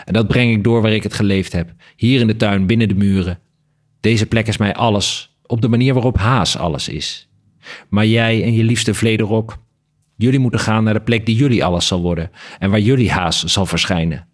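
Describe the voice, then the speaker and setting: A man's voice: fairly low pitch, moderate pace, close to an everyday voice. A man voicing an old father bat who speaks in a solemn, tender way in a storybook reading. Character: old male bat, solemn, gentle and resigned.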